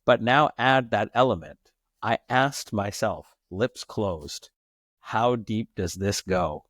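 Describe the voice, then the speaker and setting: An American man appears as a podcast guest, telling stories in an emphatic, philosophical manner and building his points through long stretches of speech. His voice is lowish and fairly bright, his pace slow, and the recording is dry and studio quality.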